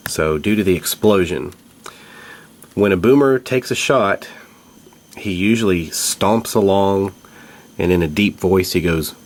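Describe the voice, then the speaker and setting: A man hosting a tabletop board game playthrough, explaining the rules and thinking aloud about each move in a measured way. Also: low-pitched. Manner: measured, thinks aloud while checking moves.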